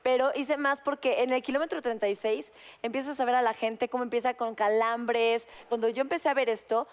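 A woman's voice: a little high, fairly even intonation, brisk, clean tone. A Mexican woman in her thirties, a guest actress telling stories in upbeat, emphatic casual talk show chat.

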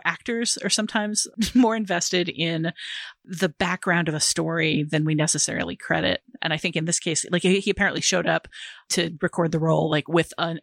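Lowish-voiced woman, eager film talk. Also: gravelly, a bit bright, no echo. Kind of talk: film discussion podcast.

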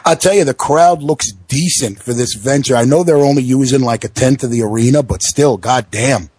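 A man's voice: mid-range voice, normal speed, darkish tone, husky, dry recording. A man hosting a wrestling radio show with casual live commentary and blunt talk. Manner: blunt, freely swearing.

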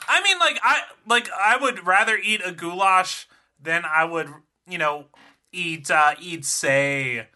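A man co-hosting a sports podcast, spinning animated comic rants in casual chat. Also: high-pitched, slow pace. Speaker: podcast co-host, sports writer.

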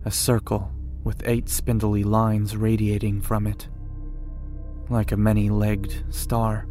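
Man, horror story narrator, first-person, measured, low voice, faint music behind. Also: completely flat delivery, warm tone.

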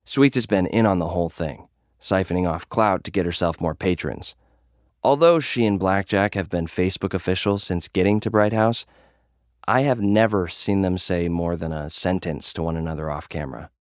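Playing a young gladiator influencer, a man with a low voice is recorded close and dry with no room sound. Jaded and putting on a tough front, he narrates his story in the first person through slangy, casual confessions like an audio drama lead. His performance is lightly acted at a moderate pace, with a jaded, confiding mood.

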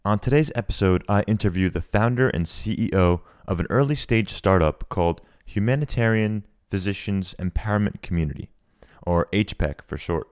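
Very low-voiced male podcast host. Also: normal speed, darkish tone, clean tone, dry recording, studio quality. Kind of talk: podcast interview.

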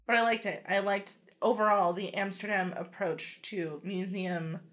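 A woman's voice: mid-range voice, fairly even intonation, normal speed. A woman co-hosting a podcast, recounting a trip with wry, dry remarks. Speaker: podcast co-host. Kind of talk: casual chat.

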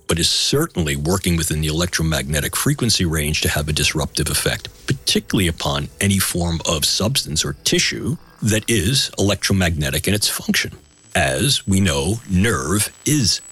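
Very deep-voiced academic man. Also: fairly bright tone, breathy edge. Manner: wordy, precise, academic. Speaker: expert interviewee. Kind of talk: formal expert explanation. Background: music.

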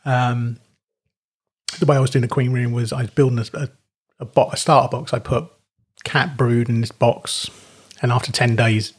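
A man's voice: mid-range voice, fairly even intonation, normal speed, breathy edge. A man co-hosting a podcast, chatting and joking with fillers. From England. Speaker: podcast co-host. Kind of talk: casual chat.

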